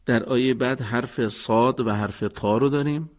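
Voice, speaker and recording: Calm male instructor, steady lesson narration. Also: medium pitch. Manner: calm, methodical, explaining pronunciation. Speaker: teacher.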